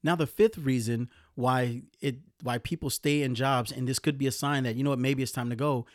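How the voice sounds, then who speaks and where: A man hosting a podcast, giving motivational career advice in a lively, preachy way that sometimes gets riled up. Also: mid-range voice, a little fast, dry recording, studio quality. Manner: animated, gets riled up, mimics complainers. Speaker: podcast host.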